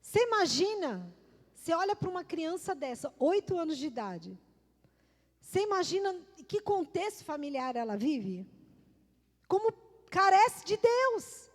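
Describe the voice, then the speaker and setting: A middle-aged woman pastor gives an emphatic church sermon in a high, very animated voice at normal speed, repeating key words and addressing the congregation directly. Long church-hall reverb surrounds the recording.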